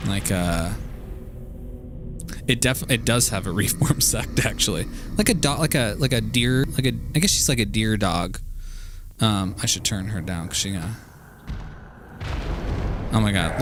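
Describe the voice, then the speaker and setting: A man giving casual, rambling commentary as he streams a video game, wry and musing, trailing off mid-thought. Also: on the low side.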